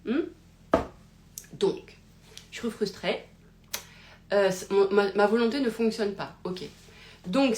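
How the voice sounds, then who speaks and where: A woman hosting a live talk, theatrical and animated, swinging from loud exclamations to low mutters, laughing often and interrupting herself. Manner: laughs often, many fillers and self-interruptions. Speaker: host of a live self-help talk. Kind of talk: casual live-stream monologue.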